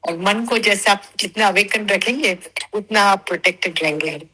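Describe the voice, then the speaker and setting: A woman's voice: mid-range voice, moderate pace, bright, forceful tone, slightly rough, low-quality recording. A woman taking part in a group discussion, sharing childhood memories and reflections thoughtfully. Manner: reflective, mixes English words. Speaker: participant.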